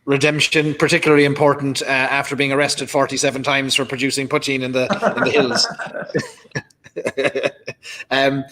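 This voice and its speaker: A man's voice: medium pitch, level tone, normal speed, long pauses, fairly bright tone. An Irish-accented man hosting a live online chat in a casual, conversational way. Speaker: host of a live online tasting.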